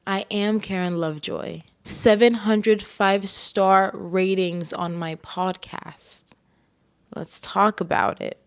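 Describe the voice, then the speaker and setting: A woman's voice: mid-range voice, fairly even intonation, takes it slowly, clean tone. A young woman from Ghana hosting a solo podcast, telling personal stories in a candid, reflective way with bursts of playful self-hype. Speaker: podcast host.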